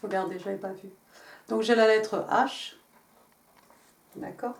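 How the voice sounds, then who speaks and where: A woman's voice: mid-range voice, steady tone, a little slow, gravelly. Chatty female tarot reader who stumbles and repeats herself, recorded from a distance in a roomy space with faint noise. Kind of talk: casual tarot reading.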